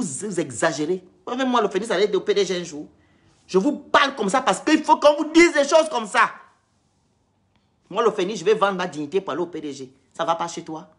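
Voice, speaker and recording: A woman from Gabon, scolding and lecturing her viewers in a heated, repetitive live-stream rant. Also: medium pitch.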